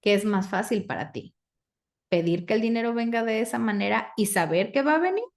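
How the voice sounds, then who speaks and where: A woman, coaching a live group, asking the audience questions and reciting clearing phrases. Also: fairly high pitch, animated, fairly quick. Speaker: facilitator.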